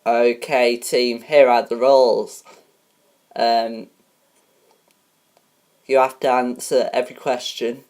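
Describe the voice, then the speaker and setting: A woman hosting a homemade game show parody, reading rules and questions in a halting way with many ums and restarts. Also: a bass voice, level tone, darkish tone.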